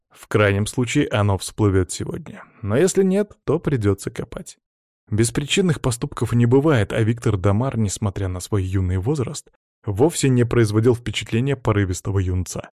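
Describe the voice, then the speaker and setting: A man narrating an audiobook in a measured, even way. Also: fairly low pitch, no room sound, studio quality. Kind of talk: audiobook reading.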